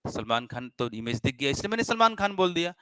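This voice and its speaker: A man teaching a live online class, animated and playful, now and then scolding students for their comments. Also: medium pitch, quick pace, clear, resonant tone, no echo, studio quality.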